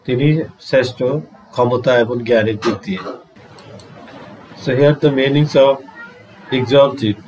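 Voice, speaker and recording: A man with a Bangladeshi accent gives a vocabulary lesson at a very slow, patient pace. He drags out each word and repeats it for his students. His voice sits at a middling pitch, with a faint hiss in the background. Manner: drawn-out pronunciation drills, repeating words. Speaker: English teacher.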